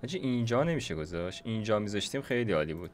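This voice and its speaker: A man's voice: fairly low pitch, expressive, a little hiss or hum. Chatty young man narrating his gameplay. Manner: chatty, talks to himself while building, slangy. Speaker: gaming YouTuber. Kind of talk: casual gameplay commentary.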